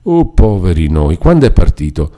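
A man's voice: low-pitched, big pitch swings, moderate pace, mellow. A man reading aloud and voicing a distressed middle-aged peasant mother who pleads anxiously, close to tears.

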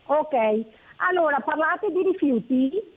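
A woman's voice: high-pitched, expressive, takes it slowly. A woman from Veneto calling in to a radio show over the phone, rambling and stumbling over repeated words. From Veneto, northern Italy. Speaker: radio call-in listener. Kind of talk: casual call-in chat. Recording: tinny phone line.

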